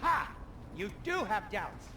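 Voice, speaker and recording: A man's voice: high voice, sing-song, takes it slowly, sharp tone, heavily acted. A man voicing an anxious, cautious companion in a fantasy video game, calling up from downstairs in a raised voice. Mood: skeptical, needling. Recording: noisy game ambience.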